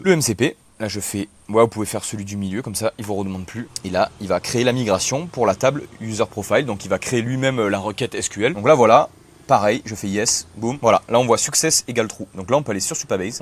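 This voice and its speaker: A young man casually explaining software setup step by step in a tutorial video. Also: fairly low pitch. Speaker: tech tutorial host. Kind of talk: screen-recorded software tutorial.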